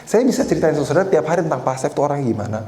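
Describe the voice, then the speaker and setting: A man's voice: on the high side, sing-song, rapid-fire, warm tone. Young man preaching in an echoey hall. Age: 20s. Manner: personal storytelling, keeps addressing the congregation. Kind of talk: conversational sermon. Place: church hall. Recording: echoey church hall with faint noise.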